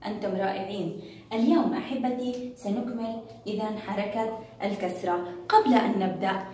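A woman teaching a first-grade phonics lesson, drawing out syllables slowly and praising the children often. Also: fairly high pitch, warm tone. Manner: slow, drawn-out syllables with frequent praise. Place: classroom with a board. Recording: echoey room, distant mic, faint noise.

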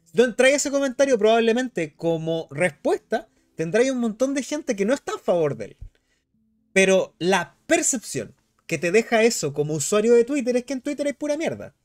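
A man's voice: very high-pitched, moderate pace. A young man with a Chilean accent, chatting casually on a live stream and reading chat aloud. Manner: animated, slangy, reads chat aloud.

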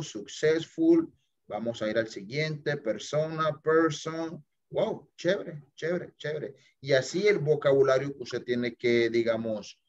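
Through dull, lo-fi video call audio, a man with a mid-range, darkish voice guides students through an app during an English class. He shares his screen, chats casually, mixes in English phrases, and frequently asks "listo?" or "ok?".

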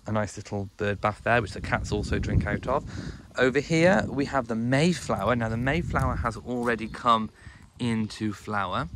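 A man's voice: mid-range voice, fairly bright tone. Chatty young man touring his garden. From England. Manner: chatty, enthusiastic, thinks aloud with ums and restarts. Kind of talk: casual walking garden tour. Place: outdoors in a home garden and greenhouse. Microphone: phone camera held in hand while walking.

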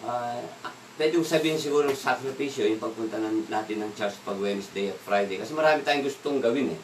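A man gives a casual evening devotional and keeps asking his listeners questions. His voice is middle-pitched and comes from a distance in an echoey room. A faint room hum sits behind him. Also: a little fast. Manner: asks the listeners questions, mixes in English words, laughs now and then. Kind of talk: conversational Bible devotional talk.

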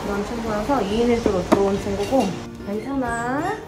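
A woman's voice: a little high, fairly quick, roomy sound, loud music behind the voice. A woman in her thirties, a pet groomer, chatting casually through a face mask while at work. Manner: chatty, upbeat, talks to viewers. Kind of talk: casual vlog chat.

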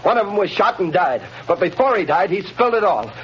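An excited prison guard in an old radio drama bursts in breathlessly with urgent news. He speaks high and fast, with lively inflection. The broadcast is muffled, with a faint hiss. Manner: breathless, rushed. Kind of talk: 1930s radio drama acting.

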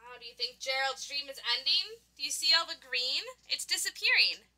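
A woman reads a picture book to preschoolers in a high, very bright voice. She talks slowly and with lots of lift and swoop, stopping to ask the children questions. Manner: animated, asks children questions. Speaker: preschool storytime reader. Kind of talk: picture-book read-aloud for young children.

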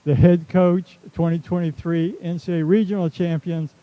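A man's voice: a little high, fairly even intonation, normal speed, no echo, lo-fi sound. A man from Texas giving a rambling, chuckling speech at an outdoor stadium ceremony. He tells stories about himself through a stadium microphone. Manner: rambling, chuckling, self-deprecating storyteller. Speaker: athletics director.

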